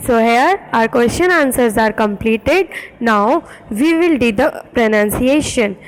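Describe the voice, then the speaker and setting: A woman schoolteacher with an Indian English accent, giving a recorded English lesson and explaining it in Hindi, slow and careful in English, quicker in Hindi. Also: rough recording. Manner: teacherly, rises in pitch on questions to students. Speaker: school teacher.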